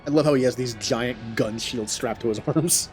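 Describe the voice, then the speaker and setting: Higher-pitched man streaming a game. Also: moderate pace, a little mellow, faint music behind. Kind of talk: casual live game stream commentary.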